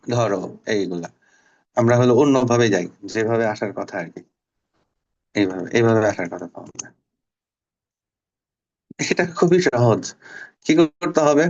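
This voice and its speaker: A man teaching a Bangla class online. He is patient and repeats words slowly to drill pronunciation. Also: medium pitch, expressive, creaky, a little mellow, muffled recording.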